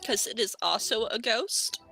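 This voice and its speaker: A woman playing a tabletop game, tossing out quick joking one-word quips. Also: on the high side, creaky, bright, forceful tone, soft background music, rough recording. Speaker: player.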